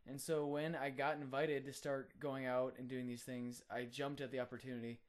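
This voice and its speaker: A young adult college student shares his personal faith testimony, earnest and reflective, often pausing with fillers. His mid-range voice shows little pitch movement.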